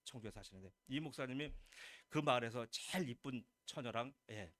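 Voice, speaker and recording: A man's voice: mid-range voice, normal speed, fairly bright tone, no room sound, studio quality. A man, a pastor, preaching a Sunday sermon with emphatic questions to the congregation and lines acted out as God's words. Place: church sanctuary.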